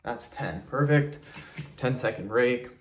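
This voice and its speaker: A man's voice: mid-range voice, takes it slowly. A man giving casual step-by-step instructions. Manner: instructional, counting reps and cueing breaks. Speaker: exercise tutorial host. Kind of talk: casual step-by-step video tutorial.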